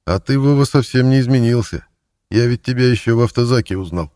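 A man voicing a brash, streetwise male thief in prison who talks loud and demanding. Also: medium pitch, brisk, pitched above the performer's own voice, natural voice. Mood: cocky.

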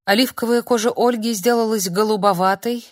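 A woman narrating an audiobook in a calm, measured reading. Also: fairly high pitch, no echo, clean studio sound. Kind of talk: scripted narration.

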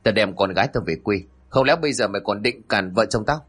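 A man's voice: on the low side, a bit bright, slightly rough. A man playing a furious older father. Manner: harsh, rapid scolding.

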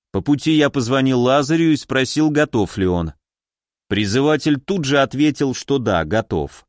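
Brief: male narrator, first-person fantasy audiobook, animated intonation, dry close sound. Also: medium pitch, no echo.

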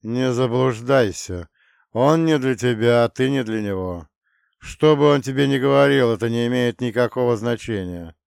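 A man's voice: medium pitch, moderate pace, vocal fry, darkish tone, clear, resonant tone, no room sound, studio quality, natural voice. Man doing a cold, ominous death spirit.

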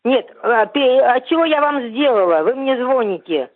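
Woman in her 70s, husky voice, indignant and argumentative, tinny phone line. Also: sits high, lively intonation, moderate pace. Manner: indignant, argumentative, swears when annoyed. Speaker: prank call target. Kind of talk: phone conversation.

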